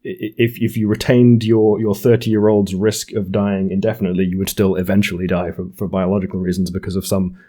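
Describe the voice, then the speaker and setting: A man's voice: deep voice, level tone, a little fast, hardly any pauses, mellow. A man in his late twenties co-hosting a podcast, talking through ideas in a thoughtful, hedging way with many restarts. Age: 20s. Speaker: podcast co-host. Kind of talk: casual science discussion.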